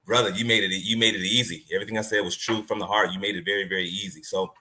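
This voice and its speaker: Male podcast host; very deep, forceful tone, encouraging, repetitive "man" phrasing. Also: fairly even intonation, very fast. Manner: affirming, repeats phrases, says "man" often. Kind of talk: casual podcast interview.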